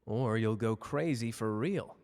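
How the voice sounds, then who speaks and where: A man's voice: lowish voice, a little slow, a little mellow. Man acting cocky, flirty Gojo in long reverb. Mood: smug, teasing. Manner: teasing, casual, boastful. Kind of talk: ASMR character roleplay addressed to listener.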